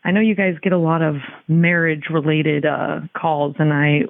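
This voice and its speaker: A man leaves a rambling voicemail, and it comes through a tinny phone line with no room sound at all. His voice sits a little high, and he talks chatty and halting, filling gaps with little pauses. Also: flat delivery, gravelly, no room sound. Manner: chatty and halting, with many fillers. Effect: recorded voicemail message over a phone line. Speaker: listener caller.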